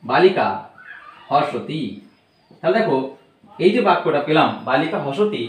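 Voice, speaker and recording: A man's voice: fairly high pitch, lively intonation, a little slow, reverberant, rough recording. A man teaching an online grammar lesson, explaining patiently step by step and checking in with repeated questions.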